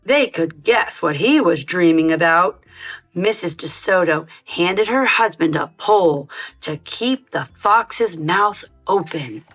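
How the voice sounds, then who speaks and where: A woman narrating a children's storybook as a read-aloud host, in an expressive, measured style. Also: fairly low pitch, faint music behind.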